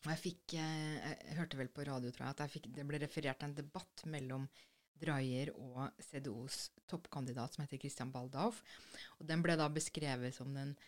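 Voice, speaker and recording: A woman's voice: very deep voice, fairly even intonation. A woman co-hosting a conversational podcast, explaining things thoughtfully with frequent hesitations. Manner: thoughtful, hesitant with many fillers. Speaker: podcast co-host.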